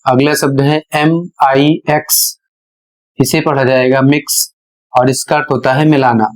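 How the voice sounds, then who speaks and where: A man's voice: medium pitch, steady tone, unhurried, low-quality recording. A man giving a pronunciation lesson, spelling out words letter by letter and explaining each one. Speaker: English teacher.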